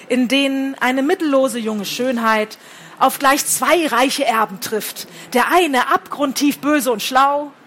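Woman author reading her novel aloud. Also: a little high. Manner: lively, wry first-person narration. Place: book fair.

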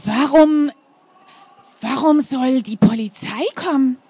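A woman's voice: high voice, takes it slowly, mellow, breathy edge, no room sound, heavily acted. A woman voicing an earnest, eager young schoolboy in a storybook reading. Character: curious determined young schoolboy.

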